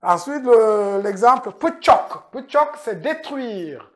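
A man teaching a language lesson, who says each example word slowly and repeats it several times so it can be pronounced. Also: high voice, lively intonation, fairly bright tone. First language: Manjaku. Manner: slow, repeats words to drill pronunciation.

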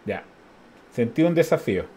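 A man with a Chilean accent giving casual gameplay commentary as a streamer, thinking aloud, counting out loud and chuckling often. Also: mid-range voice, very animated, normal speed, crowd noise.

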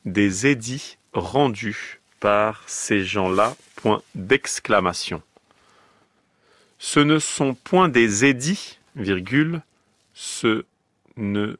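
Slow, low-voiced man dictating a text. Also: a bit bright, no room sound. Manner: dictates word by word, calling out punctuation and repeating phrases. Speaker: dictation reader. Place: radio studio.

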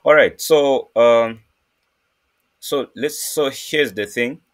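A man from Zambia hosting a casual screen-recorded coding tutorial, talking in a halting way with many fillers and restarts. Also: medium pitch. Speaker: programming tutorial host.

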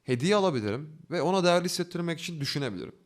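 An online self-development instructor with a lively, somewhat high voice teaches a lesson by asking himself questions and answering them step by step. His delivery is fast, earnest, and coaxing, with rising emphasis, in this instructional talk.

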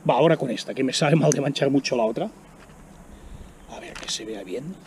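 A middle-aged man from chats to a camera set on the ground while he eats outdoors. His voice is mellow and relaxed, and he exclaims freely between bites. Faint insect buzz and outdoor hum sit behind him. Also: mid-range voice, fairly quick. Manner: chatty, exclaims while eating. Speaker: vlogger. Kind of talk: casual outdoor vlog narration. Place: outdoors by a road in the woods. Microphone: camera on the ground in front.

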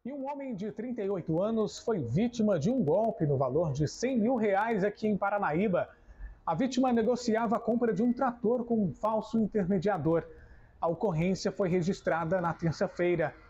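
A man's voice: high-pitched, moderate pace, a little mellow. A man in his twenties with a Brazilian accent delivering a scripted news report. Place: room beside a window with blinds. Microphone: lapel mic. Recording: dull audio with clear background noise.

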